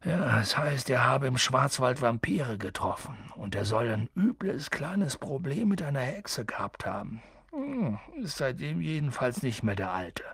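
A man voicing a huge, friendly giant who talks low, gruff and clipped, often dropping to a mutter. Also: very animated, unhurried, fairly bright tone, no echo, studio quality, full character voice. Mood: confiding.

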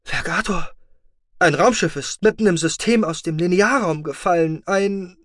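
A man voicing a bored, disillusioned male alien sensor officer in an audiobook, flat and jaded. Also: high-pitched, moderate pace, dry recording, studio quality, pitched above the performer's own voice. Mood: stunned.

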